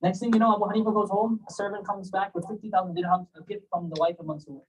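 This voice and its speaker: A man giving a casual, animated religious storytelling lecture, often checking in with his listeners. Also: high voice, fast talker, slightly rough. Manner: animated, conversational, asks listeners "right?" and "you know?". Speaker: Islamic lecturer. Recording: distant mic, poor sound quality.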